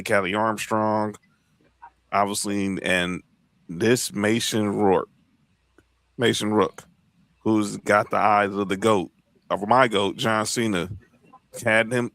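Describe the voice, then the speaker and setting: A man's voice: fairly low pitch, a bit bright, dry recording. A man co-hosting a podcast in casual chat, running through lists and restarting phrases. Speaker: podcast co-host.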